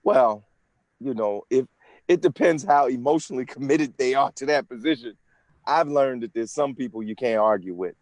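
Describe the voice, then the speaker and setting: This interview guest is a senate candidate from the United States in his sixties, giving earnest explanations with frequent restarts. He speaks at a moderate pace in a mid-range, darkish voice, with no echo.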